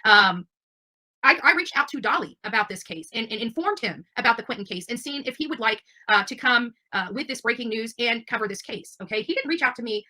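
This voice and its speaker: In a casual livestream monologue, a woman who hosts a channel chats with her audience, rambling, emphatic and defensive. Her voice is a little high, with lively intonation and a sharp tone. She talks briskly.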